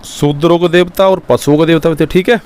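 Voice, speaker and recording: A man's smooth, clear voice, pitched a little higher than most men's, teaching a history class. He dictates notes in short phrases and repeats each one patiently so his students can write it down, often checking in with them as he goes. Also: fairly even intonation, brisk, darkish tone. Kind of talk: dictation-style classroom lecture.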